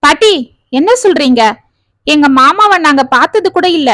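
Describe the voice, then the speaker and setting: A woman's voice: sits high, expressive, normal speed, a bit bright, no room sound, studio quality, pitched above the performer's own voice. A woman voicing a worried young man explaining his family situation earnestly.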